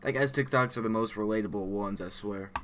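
A man's voice: lowish voice, brisk, noisy background. A young man giving casual reaction commentary in slangy speech, often exclaiming in disbelief. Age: young adult. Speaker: reaction video host. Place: small home room, indoors.

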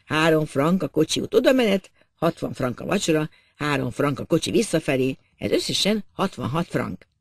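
Gravelly-voiced male audiobook narrator. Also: fairly high pitch, very animated, no echo, clean studio sound. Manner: measured literary narration, acts out characters. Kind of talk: audiobook reading of a classic novel.

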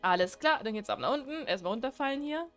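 A woman's voice: on the high side, very animated, fast, a bit bright, faint music behind. A young woman chatting casually while she plays a horror game, joking and talking back to what happens on screen. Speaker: let's play gamer.

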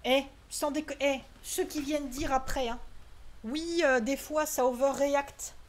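Jumpy high-voiced woman streamer. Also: steady tone, unhurried. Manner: jumpy, anxious, swearing and exclaiming. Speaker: streamer playing a horror game. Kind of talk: live gaming commentary.

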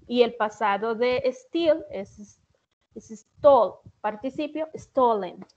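A woman with a Salvadoran Spanish accent teaching English in an online class, explaining slowly and reading example sentences with care. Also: a little high, animated, a little mellow. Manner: slow, deliberate, reads English examples carefully. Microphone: video call. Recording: muffled online-class audio.

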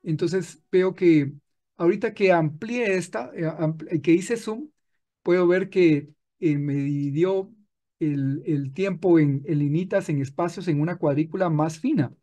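A man teaching music software in a screen-recorded tutorial, patient and explaining step by step with frequent restarts. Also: a little high, a little slow.

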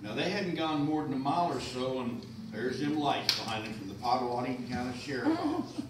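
A man's voice: mid-range voice, sing-song, brisk, very noisy. A man telling a folksy tale live, rambling and down-home with plenty of fillers. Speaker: storyteller. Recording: roomy live sound, distant mic, guitar behind.

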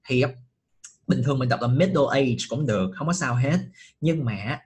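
A man's voice: medium pitch, normal speed, darkish tone, breathy edge. A middle-aged man teaching an online English class, patiently checking with students by asking short questions, speaking.

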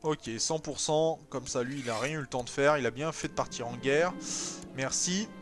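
A man giving casual commentary while playing a strategy game, thinking aloud with many hesitations and sudden excited bursts. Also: medium pitch, moderate pace, soft background music. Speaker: let's play gamer.

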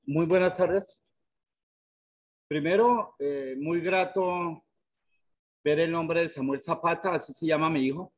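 A husky middle-aged man from Colombia speaks frankly and earnestly about his past, his voice set a little higher than most men's. He is heard over a webcam on a video call from an indoor room. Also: slow, long pauses. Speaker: director of a therapeutic community.

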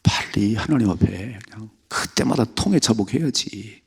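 A middle-aged man preaching an early-morning sermon with a gravelly, husky, fairly low voice. He is emphatic, acting out prayers and rebukes along the way. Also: lively intonation, normal speed. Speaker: pastor.

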